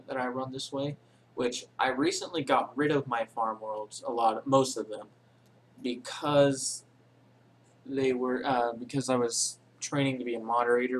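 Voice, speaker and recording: A game tutorial channel host rambles through a casual screen-recorded tutorial at a mid pitch, unscripted and full of ums and self-corrections. He says his own voice is boring, and the low-quality recording carries a little hiss in the background.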